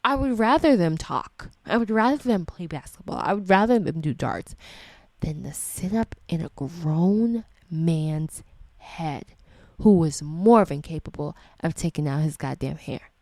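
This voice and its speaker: Woman, fed-up educator doing reaction commentary, mellow low tone, unhurried swearing rants. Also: expressive, no echo. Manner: indignant, profane ranting; repeats rhetorical questions.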